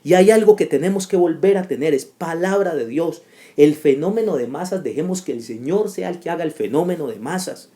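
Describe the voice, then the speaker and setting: Man, preacher-teacher, sermon delivery, emphatic build-ups, warm dark tone. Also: a little high, animated, a little fast. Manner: emphatic, repetitive cadence with rising outbursts.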